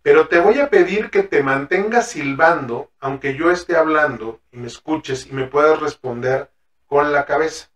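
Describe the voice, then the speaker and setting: A man with a Mexican Spanish accent hosts a therapy podcast, chatting colloquially, swearing freely, and acting out exchanges with his patients. His voice is fairly high and fairly bright, at a moderate pace. The sound has a roomy echo, with the mic at a distance.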